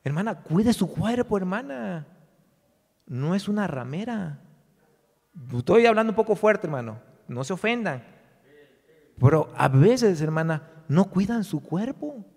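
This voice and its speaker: A man's voice: high voice, very animated, a little slow, gravelly, darkish tone, big-room sound. A man preaching a sermon to his congregation, stressing his words and sometimes mocking the voices of his listeners. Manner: preaching with rising emphasis and mock voices. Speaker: pastor.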